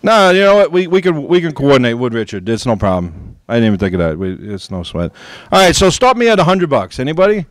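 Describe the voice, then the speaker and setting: A man working as an auctioneer at a convention, calling out bids in an upbeat, coaxing, rapid-fire way. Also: medium pitch, very animated, dry recording. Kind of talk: live auction bid calling. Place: gaming convention event.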